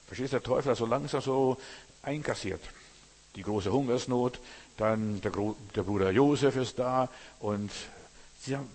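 Husky preacher guy, keeps asking "you get it?", voice ringing with long reverb. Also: mid-range voice, a little mellow. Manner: direct, addresses listener as du, repeats "verstehst du?". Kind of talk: sermon announcing the week's topics.

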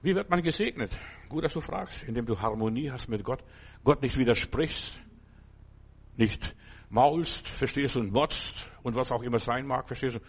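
A man preaching a sermon in German, animated, addressing listeners directly and breaking into sudden emphatic bursts. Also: medium pitch, normal speed, husky. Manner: addresses listeners directly, often asks "verstehst du".

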